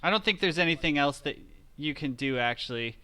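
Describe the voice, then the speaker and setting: A man running a tabletop session as game master, his voice bright and crisp on a dry close mic. He talks in a relaxed, chuckling way, pausing with fillers as he looks things up. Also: fairly high pitch, no echo.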